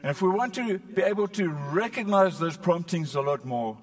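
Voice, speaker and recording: Male preacher, animated storyteller, higher voice, mic set a little back. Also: moderate pace, in a large hall, far from the mic. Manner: animated storytelling with playful asides. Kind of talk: sermon.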